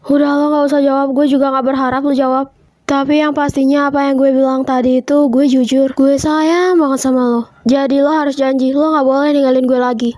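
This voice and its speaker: A woman voicing a stubborn, clingy teenage schoolgirl in an animated fan drama, sobbing and stammering in slangy pleas. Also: sits high, a little fast, no room sound, clean studio sound, natural voice. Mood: earnest.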